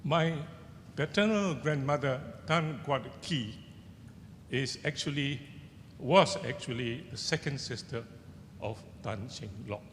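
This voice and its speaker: With a slightly bright voice, a Singaporean-accented author aged seventy or older tells personal stories to a seated festival audience, halting and reaching for words. The handheld-mic recording from the large indoor hall is echoey, with a rumble in the background.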